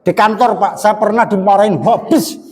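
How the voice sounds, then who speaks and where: Folksy older preacher in an echoing hall. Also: male voice, high-pitched, steady tone, normal speed, darkish tone. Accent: Indonesian, Javanese Banyumas. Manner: folksy, joking, acts out quoted dialogue. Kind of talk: religious study talk. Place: mosque study hall. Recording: long hall reverb.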